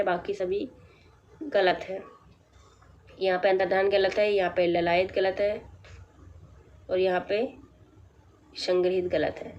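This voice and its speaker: A woman teacher going through a practice test, reading out each option and then explaining the right answer in a plain, measured way. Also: mid-range voice, darkish tone, highs cut off. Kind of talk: exam practice lesson.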